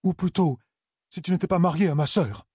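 A man's voice: high-pitched, a little fast, dark tone, breathy edge, dry recording, clean studio sound, pitched above the performer's own voice. A man voicing a proud female Ogier, a fierce mother who speaks sharply and insistently.

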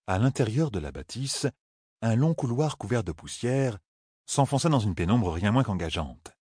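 Low husky guy reading a fantasy audiobook, dry close sound. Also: big pitch swings, normal speed, a little mellow, no room sound. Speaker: audiobook narrator. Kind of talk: scripted narration.

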